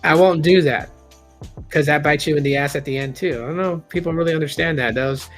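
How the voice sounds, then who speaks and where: A man's voice: on the high side, steady tone, a little fast, faint music behind. A man in his late thirties hosting a live stream, talking candidly in a rambling, casual way with many restarts and reading chat aloud. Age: 30s.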